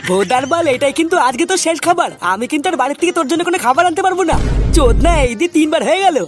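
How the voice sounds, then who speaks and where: A woman's voice: high-pitched, expressive, rapid-fire, music in the background. A woman voicing a rude, swearing male school friend in a cartoon. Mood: scolding. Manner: crude, scolding, swearing. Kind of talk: Bengali cartoon dub.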